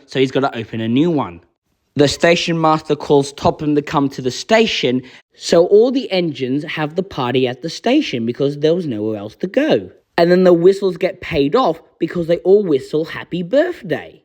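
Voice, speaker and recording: A man's voice: fairly high pitch, lively intonation, moderate pace, darkish tone. A man with a slightly raised voice talks straight to his viewers in casual video commentary. He lays out his argument point by point in an earnest, explanatory manner, sometimes slipping into quoted lines. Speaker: channel host reviewing a children's show episode.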